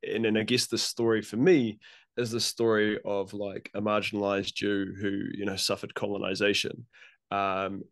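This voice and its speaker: A man's voice: lowish voice, fairly bright tone, no room sound, clean studio sound. A man in his thirties with a New Zealand accent, speaking earnestly and reflectively as a guest on a video call, with many fillers. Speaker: guest, youth worker. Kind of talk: casual conversation. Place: home room.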